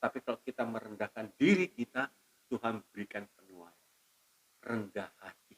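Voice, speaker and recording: A man preaching a sermon as pastor, emphatic, dropping to soft asides and swelling loud on key lines, calling out hallelujah to his congregation. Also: fairly low pitch, moderate pace, poor audio. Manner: addresses the congregation as saudaraku and calls out hallelujah.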